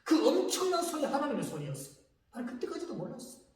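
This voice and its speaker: A man's voice: extremely high pitch, wildly swooping pitch, fast talker, darkish tone. A middle-aged male pastor giving an emotional testimony in a sermon, telling his story with shifting intensity. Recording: echoey church hall picked up from a distance.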